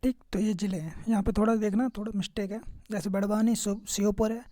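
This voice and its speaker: Speaking fast with little pitch movement, a male exam-prep teacher with a high, dark, mellow voice runs a casual lesson. He quizzes listeners throughout, peppering his talk with "okay" and "remember this". The recording is close and dry, with no echo.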